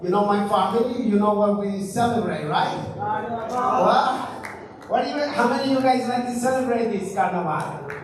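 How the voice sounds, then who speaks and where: A young man from Ecuador talks with an Ecuadorian Spanish accent, chatty and asking the crowd questions. His voice sits high. The recording is very echoey and picked up from far away, with clear room noise. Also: moderate pace. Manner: chatty, asks the audience questions. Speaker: presenter. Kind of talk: casual talk. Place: school auditorium. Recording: very echoey hall, mic far off.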